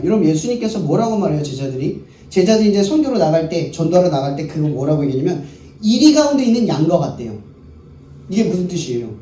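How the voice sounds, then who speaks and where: This youth-service sermon comes from a male pastor whose voice sits high and sounds warm. He poses questions to the crowd and answers them himself to keep them engaged. Recorded from afar in an echoey worship hall, the clip carries faint background noise.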